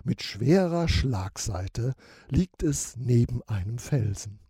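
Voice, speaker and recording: A man narrating a children's story in an expressive storytelling way. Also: mid-range voice, slow pace, slightly rough, dry recording, clean studio sound.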